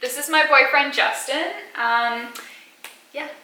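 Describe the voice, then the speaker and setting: This high-pitched, slow voice belongs to a South African woman in her early twenties, a beauty and lifestyle YouTuber partly raised in Australia, which gives her a mild Australian accent. She answers viewer questions casually, with lots of fillers and little giggles, in a pushed, bright tone. The audio is poor and sounds roomy.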